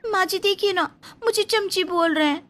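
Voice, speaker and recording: A woman's voice: moderate pace, fairly bright tone, soft background music. A woman voicing a young daughter-in-law in a cartoon who eagerly agrees with her mother-in-law. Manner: high, eager, fawning.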